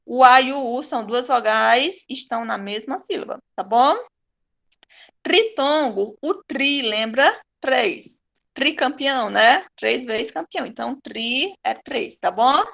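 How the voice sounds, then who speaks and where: A middle-aged woman with a Brazilian accent teaching a grammar lesson, patiently repeating words slowly to show how syllables split. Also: fairly high pitch, animated, vocal fry, a bit bright. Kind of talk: online Portuguese grammar lesson.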